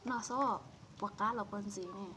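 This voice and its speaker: A woman's voice: medium pitch, unhurried. A woman telling a story in a casual, conversational way, often repeating her phrases. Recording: loud background noise.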